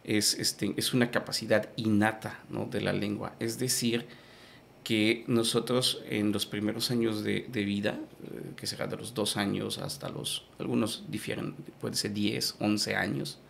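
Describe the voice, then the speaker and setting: Speaking unhurriedly in a level tone, the guest from Yucatán, Mexico, patiently explains during a conversational interview, with lots of fillers and restarts; Maya is his first language and his Spanish carries a Yucatecan accent. His lowish voice is creaky yet fairly bright, with slight background noise.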